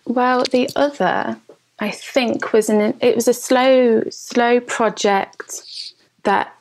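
A woman speaks slowly and reflectively, choosing her words with care. Her voice stays level and even, with a gravelly fry at the ends of her phrases. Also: a little high. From East Midlands of England. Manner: slow, thoughtful, reflective. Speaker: photographer and educator guest. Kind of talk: interview answers.

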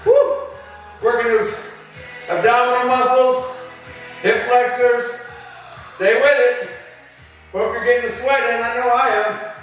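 High-pitched man rallying a workout, very echoey. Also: steady tone, a little slow, pauses often, a bit bright, faint music behind. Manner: rallying pep-talk cheerleading, short urging commands with whoops; exerting himself while talking. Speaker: fitness coach. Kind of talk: live workout instruction with counting. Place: basement home gym. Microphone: camera several metres away. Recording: very echoey room, far from mic.

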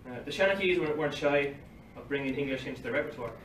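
This young man races through an academic talk read from notes, his mid-range voice fairly bright, slipping in dry asides and short laughs at the lectern. He's recorded on a phone camera from across a library meeting room. Expect a roomy, distant sound with faint hiss, about livestream quality.

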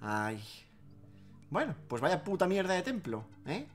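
Let's-play host, high-pitched, jokes and swears. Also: male voice, wildly swooping pitch, measured pace, faint music behind. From Spain. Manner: joking, swearing, laughs often. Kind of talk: casual gameplay commentary.

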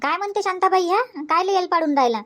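Village neighbour woman, played by a woman: chatty, coaxing, pitched high. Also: very fast, a bit bright.

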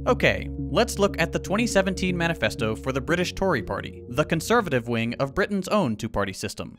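Man from the US, scripted video essay narration, sarcastic, lively up-and-down delivery, fairly high voice. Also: fairly quick, over music. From United States. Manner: sarcastic, wry.

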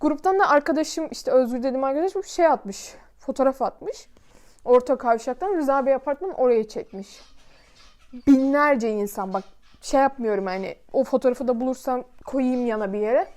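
Woman vlogger, high and mellow, emotional storyteller to camera. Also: normal speed. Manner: emotional, vivid retelling.

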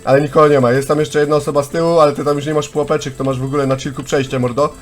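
Talking straight to his audience, this man races through excitable, chatty live commentary on a contest. He's a gaming YouTuber from Poland in his twenties, his voice on the high side, with faint music playing behind him.

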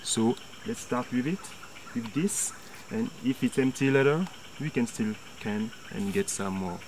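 Out at a riverbank in the jungle, a young local man shows how to fish, his mid-range voice a little slow as he gropes for words in English, which isn't his first language. The recording clearly picks up insects and other jungle noise.

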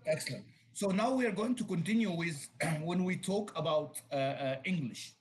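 A man's voice: fairly high pitch, expressive, normal speed. A man with an Egyptian Arabic accent, a native Arabic speaker, giving an online English lecture over a video call, explaining each point and repeating it in Arabic. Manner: explains, then repeats in Arabic, many fillers. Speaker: English teacher.

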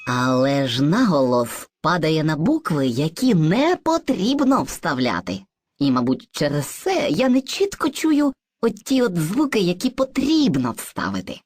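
Woman voicing a husky, bouncy boy sprite. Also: sits low, big pitch swings, measured pace, darkish tone, no echo, heavily acted. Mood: puzzled. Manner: bouncy, exaggerated, wavering delivery. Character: playful, hesitant male sprite of mixed slang speech. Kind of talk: educational cartoon video.

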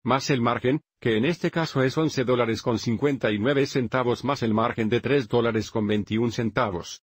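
Male math teacher, steady and methodical, husky voice at a middle pitch. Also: moderate pace, dry recording. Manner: steady, methodical step-by-step explaining. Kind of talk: dubbed math lesson narration.

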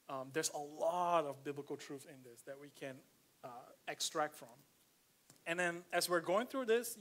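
In a church, a Malaysian-accented pastor gives an easygoing, conversational sermon and reads scripture aloud. His voice is fairly high for a man, and he uses lots of fillers, slowing down whenever he wants a point to sink in.

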